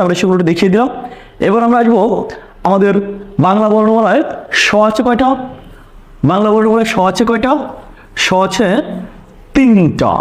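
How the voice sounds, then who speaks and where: Teacher, male, high voice; repeats points, quizzes the class rhetorically, online lesson. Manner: repeats key points and asks rhetorical questions.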